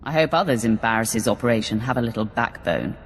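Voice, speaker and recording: A man's voice: lowish voice, brisk, slight background noise, natural voice. A man voicing a cold male Sith warrior who speaks tersely and with command.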